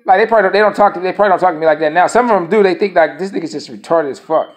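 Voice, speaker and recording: A man's voice: high voice, rapid-fire. A man in his thirties speaking a casual monologue to camera, rambling and profane, often repeating his phrases. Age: 30s. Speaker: vlogger.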